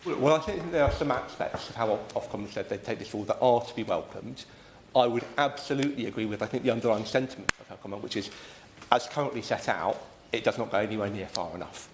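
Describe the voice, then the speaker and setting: A British man giving an earnest, measured and wordy speech as a member of parliament in a formal debate. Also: mid-range voice. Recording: echoey room, faint background noise.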